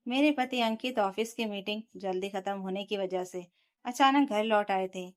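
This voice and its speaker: A woman telling a scripted first-person family story with steady, emotional, dramatic delivery. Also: mid-range voice, moderate pace.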